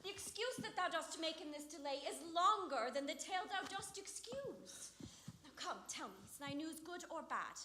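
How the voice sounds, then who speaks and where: Woman as eager young lover, very high bright voice, urgent pleading, roomy stage echo. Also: sing-song, moderate pace, a little hiss or hum, heavily acted. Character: eager impatient young girl in love. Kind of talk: live stage acting of verse drama. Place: theatre stage. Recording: roomy theatre stage sound.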